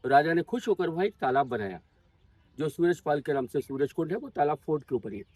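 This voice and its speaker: A man's voice: on the high side, expressive, a little fast, a little mellow, no room sound. A man working as a tour guide, telling local history to a group outdoors at a monument in a patient storytelling way. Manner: patient storytelling, drops in English words and numbers.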